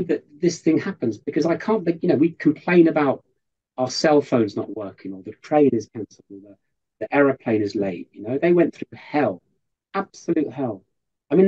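A man, a professor, talking earnestly in an interview and telling stories with lively quoted asides. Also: medium pitch, husky, highs cut off. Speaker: professor giving a guest interview. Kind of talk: conversational interview storytelling.

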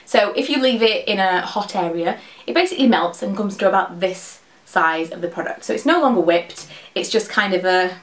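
A woman, talking very fast in a casual, rambling product review to camera. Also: medium pitch. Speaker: beauty vlogger. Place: small dressing room at home, indoors.

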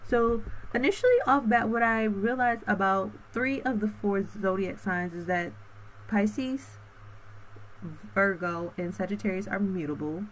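A woman's voice: mid-range voice, rough recording. A woman talks through a tarot reading in a loose, meandering way, drawing out some words and checking in with the listener. Her voice sits in a middling range. A faint hiss runs under the recording. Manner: rambling, repeats okay and um, drawn-out words. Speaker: tarot reader.

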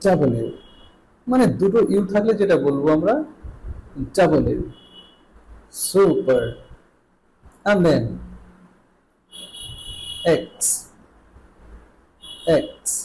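A man teaching English letter sounds, repeating each sound slowly and patiently. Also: on the high side, darkish tone, a little hiss or hum, low-quality recording.

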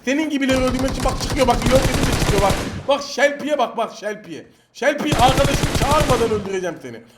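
High-voiced young man taunting over gunfire. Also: animated, fast, very noisy. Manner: teasing, playful trash talk with sudden outbursts at enemies. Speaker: mobile shooter gameplay streamer. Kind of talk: excited gameplay commentary. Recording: home mic with loud game gunfire behind.

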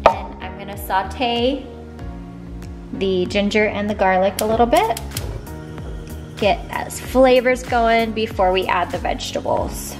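In her home kitchen, a woman in her thirties speaks at a measured pace in a mid-range voice, leaving long pauses. She's a fitness vlogger chatting casually and warmly while she cooks, filmed from the counter. The echoey room has music in the background.

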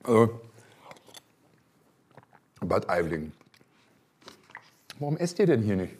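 This fairly low, husky, darkish voice belongs to a chef in his fifties hosting a restaurant show. Very animated yet slow-paced, he gives frank reality TV commentary, reacting aloud as he tastes food inside a vaulted restaurant cellar.

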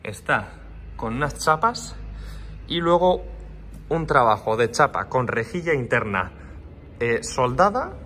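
A man's voice: mid-range voice, pushed and bright, slight background noise. A man, a custom motorcycle builder, giving a detailed casual walkaround of a bike in an indoor workshop, filmed on a handheld phone. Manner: explanatory, detailed, pointing out parts as he goes. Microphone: handheld phone camera.

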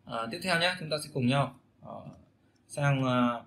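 A man's voice: mid-range voice, a little slow, fairly bright tone. A man teaching English vowel sounds in a casual spoken lesson, repeating each sound again and again to demonstrate it.

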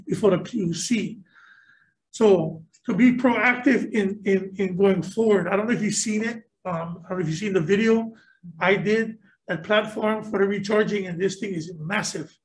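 A man's voice: high-pitched, poor audio. A middle-aged man questioning a nominee at a legislative hearing in an earnest, rambling way, speaking through a mask into a table mic. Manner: earnest, rambling, repeats words while searching. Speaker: state senator questioning a nominee. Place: government hearing room. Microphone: table microphone, wearing a face mask.

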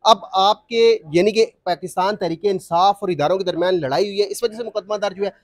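A man's voice: sits high, a little fast, dry recording, studio quality. A man, a news reporter outside a court, asking probing, leading questions. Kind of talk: field reporting and interviewing.

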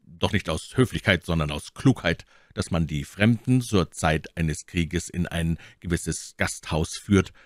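A young naval officer, read by a man, speaking with polite but cold composure. The deep, low voice keeps its calm in every curt reply. The audiobook sound is dry and close. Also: measured pace, no room sound. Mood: calm, formal.

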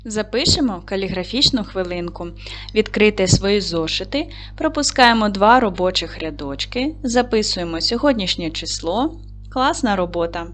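A woman teaching a video lesson to young schoolchildren, dictating clearly and guiding them step by step. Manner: slow, clear dictating tone with lively pitch.

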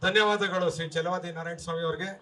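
Man, stage emcee, formal and polite, bright, high voice, heard from afar. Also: steady tone, fast talker, far from the mic. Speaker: rally emcee.

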